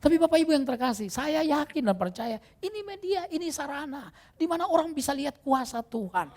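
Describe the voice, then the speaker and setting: A male pastor preaching an animated sermon in a church, breaking into bursts of shouting. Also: very high-pitched, fairly quick.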